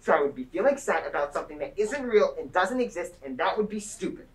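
A young woman acting a literal-minded teenage boy on stage, speaking flatly and matter-of-factly. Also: fairly low pitch, quick pace, rough recording. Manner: flat, literal, matter-of-fact.

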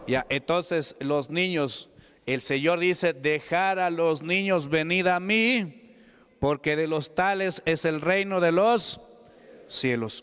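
In a church hall with long reverb, a man with a Peruvian Spanish accent preaches an emphatic evangelical sermon, calling out questions to the congregation. His voice sits on the high side, fairly bright and clean.

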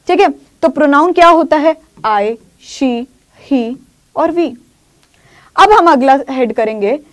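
High-voiced woman teaching grammar. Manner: explains in Hindi, says English example sentences slowly; repeats key phrases and often says "ठीक है". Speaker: English teacher. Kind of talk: grammar lesson in Hindi with English examples.

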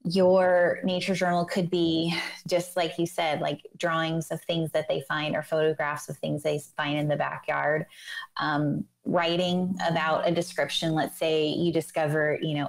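A woman's voice: low-pitched, flat delivery, a little slow, gravelly. A woman in her forties speaking as a guest author over a video call with earbuds, enthusiastic and explaining with many fillers. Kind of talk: casual interview chat. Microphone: earbud headset on video call.

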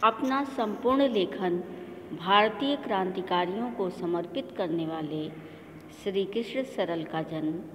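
Woman teacher going over a poem for kids, very slow, roomy echo with faint background hum. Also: mid-range voice. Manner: slow, deliberate, explaining word meanings to children. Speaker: school teacher. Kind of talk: Hindi class lesson, reciting a poem. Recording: echoey room with faint ambience.

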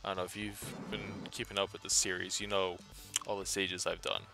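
A tired man giving casual, rambling gameplay commentary in a flat, monotone voice full of fillers. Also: low-pitched, moderate pace, gravelly, over loud music. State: tired after a day's work.

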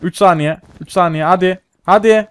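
A young man commentating a team game with a friend, excitable, laughing and swearing often. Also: high-pitched, normal speed, clear, resonant tone. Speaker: gaming channel host. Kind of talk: casual gameplay commentary.

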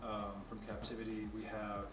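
A young man in his twenties casually showing and explaining snakes in an indoor reptile room, relaxed and knowledgeable, with many fillers. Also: lowish voice, moderate pace, far from the mic. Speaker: facility owner giving a tour. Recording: echoey room, off-mic, music behind.

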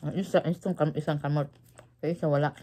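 A woman's voice: deep voice, steady tone, brisk, warm tone. A woman with a Filipino accent chatting casually at home during a mukbang vlog, talking with her mouth full and repeating words as she goes. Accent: Filipino (Cebuano-Tagalog mix). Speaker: mukbang vlogger. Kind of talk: casual eating vlog chat. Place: at home, kitchen table. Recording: clatter of cutlery and dishes.

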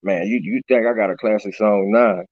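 Speaking a little fast in a steady, fairly low register, this raspy-voiced middle-aged rapper from Baton Rouge, Louisiana, keeps the interview casual and loose, peppering it with "you know what I'm saying." He's on a webcam in a small room, with no echo but the dull, lo-fi sound typical of video calls.

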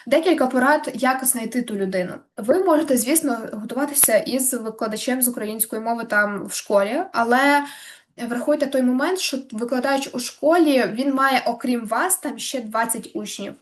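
A woman's voice: a little high, moderate pace. A young woman tutor giving a chatty, casual lesson to camera, full of filler words and restarts.

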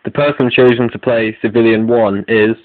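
The host of this online video update is a video creator reading announcements from a script. He speaks at normal speed in a mid-range voice with little pitch movement. Audio is echo-free yet narrow, lo-fi and phone-like.

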